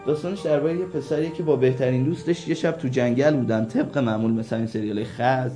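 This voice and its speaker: A man's voice: medium pitch, steady tone, warm tone, faint music behind. A man co-hosting a radio show, recommending series in a casual, teasing banter. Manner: teasing, joking.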